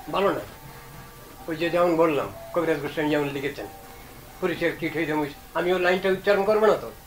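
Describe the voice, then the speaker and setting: High-voiced man giving a devotional talk. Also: rough recording. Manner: earnest, reasoning aloud, slow chanted recitation of verses. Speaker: religious speaker. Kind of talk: devotional discourse.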